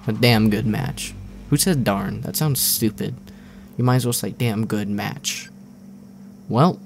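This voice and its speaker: Slow-talking young man joking over gameplay. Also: lowish voice, creaky, a little mellow. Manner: joking, rambling, sarcastic. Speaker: gameplay commentator. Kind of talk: casual gameplay commentary. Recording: faint gunfire and game noise behind.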